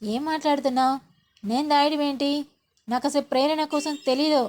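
A woman's voice: fairly high pitch, fast talker, dark tone, natural voice. A woman voicing a defiant young man who dismisses accusations against him. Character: defensive young man denying blame.

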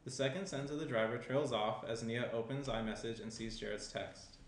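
A young adult man reads scripted screenplay narration as the narrator, his medium-pitched voice steady and fairly quick. He's in a small indoor room at a round table, using a shared desk microphone. The recording has a roomy echo and faint noise.

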